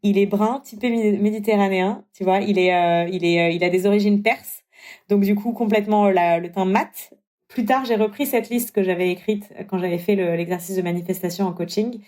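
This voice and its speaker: A young woman tells her own story in a relaxed podcast chat. Her pitch sits in the middle, and she jumps up high when she mimics people or gets worked up. The delivery is animated and casual. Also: a little fast. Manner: animated, acts out dialogue with big pitch jumps. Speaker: guest telling her story.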